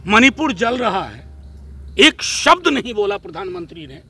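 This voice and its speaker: A man's voice: high voice, very animated, moderate pace, bright, forceful tone, slightly rough. A man, a party spokesperson giving a combative, sarcastic statement to reporters.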